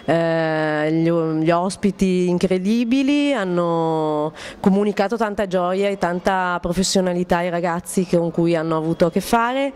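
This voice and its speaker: A woman's voice: fairly low pitch, measured pace, hardly any pauses, a little mellow, clean tone. A woman answering an interview as festival director, speaking with some hesitant repetition.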